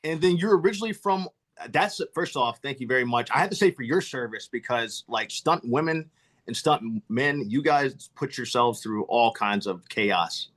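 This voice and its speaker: A man's voice: mid-range voice, animated, normal speed. An American man hosting a casual podcast interview, eager and often tripping over his words and starting again. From United States. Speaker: podcast host.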